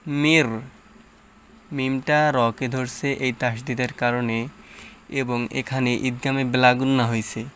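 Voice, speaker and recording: Reciting syllable by syllable, a Quran teacher walks through tajweed rules with patience in an unhurried, flat delivery. His mid-range voice is a bit bright, and there's a little hiss or hum in the background.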